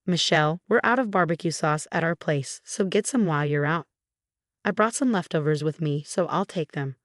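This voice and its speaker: A woman voicing a bossy, critical older mother-in-law who orders others around, in a steady, low-set storybook reading with a dry, close sound. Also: normal speed, dry recording, close to an everyday voice. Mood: demanding. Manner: demanding and scolding.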